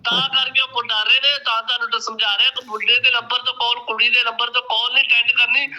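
Brief: man phoning in, high bright voice, pushy and repetitive. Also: little pitch movement, fast talker, lo-fi sound. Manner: insistent, repeats instructions. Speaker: phone caller. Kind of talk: phone call.

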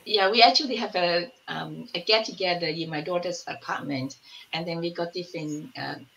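A woman in her sixties, a community elder and collective member, tells warm stories at a moderate pace in a lowish, creaky voice, searching for words as she goes. She joins a casual panel chat on a video call from a room at home, and her laptop mic gives a low-quality recording.

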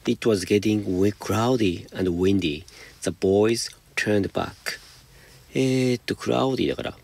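A man teaching high school English, patiently explaining homework step by step and reading example sentences slowly. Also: gravelly, a little mellow, a little hiss or hum. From Japan.

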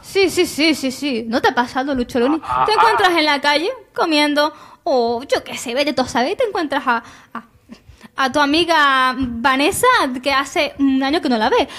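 A woman's voice: high voice, expressive, moderate pace, fairly bright tone. A young woman hosting a comedic radio segment, playful and teasing, in a small studio on a desk mic. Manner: playful, teasing, asks leading questions. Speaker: radio host. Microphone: desk mic on stand.

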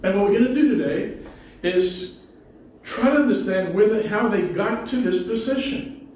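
This middle-aged pastor, originally from a Spanish-speaking country and speaking with a Spanish accent, gives a conversational sermon at a pulpit, restarting sentences often. He has a high-pitched yet darkish voice at a moderate pace. Heard from a distance through a pulpit mic and far camera, the small low-ceilinged hall sounds echoey, with slight background noise.

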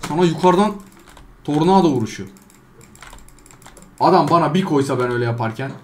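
A man comments on his own gameplay in a lively, fairly high voice that jumps from loud protests to low grumbles. He teases and trash-talks the characters he fights. Faint noise and keyboard clicks sit behind him. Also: brisk. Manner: animated, swings between loud outbursts and low mutters. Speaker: gaming YouTuber.

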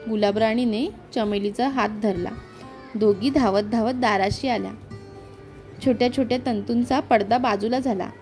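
A woman's voice: mid-range voice, a little mellow. A woman narrating a children's story, reading aloud expressively.

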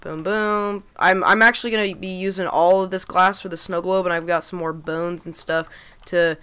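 A young woman casually talking through her gameplay, relaxed and rambling with plenty of ums. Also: fairly low pitch, clear, resonant tone. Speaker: gaming channel host. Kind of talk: casual let's-play commentary.

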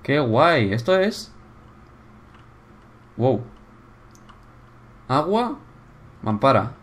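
A young man with a Spain Spanish accent giving casual gameplay commentary on a viewer's build, excitable and bursting into loud exclamations. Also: medium pitch, drawn-out words. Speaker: YouTuber touring viewer builds.

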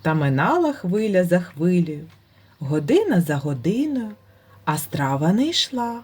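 A woman storyteller reading a folk tale for children in an expressive way. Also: fairly low pitch, unhurried, breathy edge.

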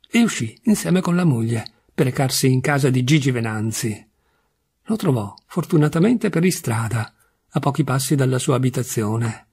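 A man narrating a classic short story in a measured, expressive manner; his voice is husky. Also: mid-range voice. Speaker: reader. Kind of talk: literary audiobook narration.

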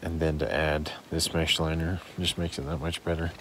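Low-pitched male hiker vlogging from his tent on a phone mic, easygoing and rambling, noisy audio. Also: level tone, moderate pace, fairly bright tone. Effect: recorded on a phone, audio bad. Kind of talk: casual camping vlog. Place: inside a small tent with mesh liner. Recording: noisy phone recording outdoors.

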